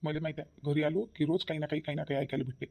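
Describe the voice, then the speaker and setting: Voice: medium pitch, flat delivery, racing, creaky, a little mellow. A performer voicing a worried grown son and husband in a cartoon comedy, anxious and questioning. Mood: weary.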